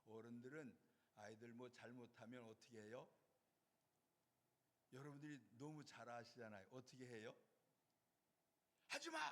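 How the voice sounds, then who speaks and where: Man preaching in a reverberant church hall. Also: medium pitch. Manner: explanatory, asks the congregation questions and answers them. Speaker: pastor. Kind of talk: sermon. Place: church sanctuary.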